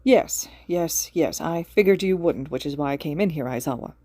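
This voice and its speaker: Woman as patient tired hero man, gentle, low mellow tone. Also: normal speed, no echo. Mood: earnest. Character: earnest, weary older male hero.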